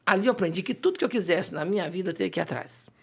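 Gravelly Brazilian woman telling stories. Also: fairly low pitch, very fast. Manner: animated, dramatic storyteller, laughs often. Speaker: guest. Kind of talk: casual chat, storytelling.

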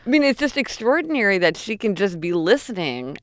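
A woman's voice: mid-range voice, sing-song, a little fast. An American woman co-hosting a casual podcast, enthusiastic and often restarting her phrases. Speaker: podcast co-host.

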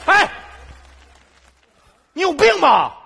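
A man's voice: very high voice, sing-song, a little fast, exaggerated voice. A male actor playing a cranky, honest man who found cash, indignant and squabbling in a live stage comedy sketch. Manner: indignant, shouting back, squabbling. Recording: live stage with loud audience laughter and noise.

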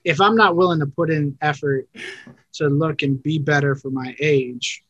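A man's voice: fairly high pitch, fairly even intonation, normal speed, a bit bright, husky, highs cut off. Rambling man in his thirties. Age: 30s. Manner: rambling and self-correcting. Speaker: podcast co-host. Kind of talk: casual chat.

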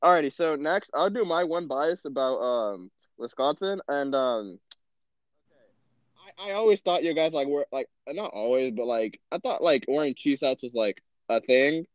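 A young Texan-accented man hosts a casual podcast, telling stories animatedly and acting out his own reactions. His voice is medium-pitched at normal speed, recorded dry with dull lo-fi sound.

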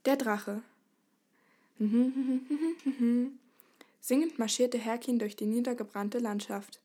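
A woman narrating a children's storybook in a lively way. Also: fairly high pitch. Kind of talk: storybook reading.

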